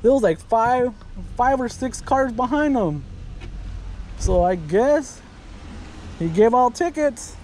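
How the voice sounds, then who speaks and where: A man's voice: very high voice, animated, slow, pauses often, a little mellow. A man in his thirties vlogging while driving and fishing from a pier, rambling and chatty as he talks to his viewers. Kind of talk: casual vlog narration. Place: outdoors, driving then on a waterfront pier. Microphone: action camera. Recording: action camera audio with clear outdoor noise.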